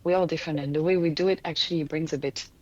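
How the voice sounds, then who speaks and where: Low-voiced woman telling her healing path. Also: fairly even intonation, very fast, a little mellow, no room sound, muffled recording. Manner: earnest, explains with frequent restarts and small laughs. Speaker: energy healer guest. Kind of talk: casual interview conversation.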